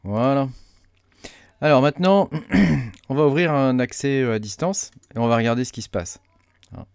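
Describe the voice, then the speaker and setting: Low-voiced man, relaxed screen tutorial, lots of "euh", dry close mic, keyboard typing behind. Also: dry recording. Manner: hesitant, many fillers, thinks aloud while clicking. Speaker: crypto mining tutorial host. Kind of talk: casual screen-recorded tutorial.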